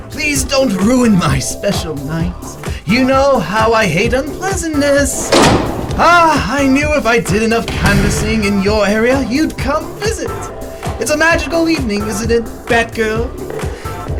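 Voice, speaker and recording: An actor playing a gleeful, mock-sweet male clown villain in a theatrical, menacing radio drama style. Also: sits high. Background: music.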